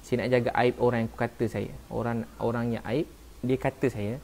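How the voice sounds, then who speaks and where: A man's voice: mid-range voice, little pitch movement, brisk, vocal fry. Malaysian guy preaching casually on a phone live, earnest, a bit defensive, faint room hum behind. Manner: soft-spoken, earnest and defensive, repeats "ha" and "Masya Allah". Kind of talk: casual live-stream talk answering viewers.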